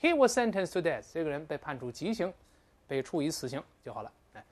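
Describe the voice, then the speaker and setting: A man teaching English vocabulary in a lecture, speaking with animated interjections and slow, drawn-out pronunciation drills. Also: on the high side.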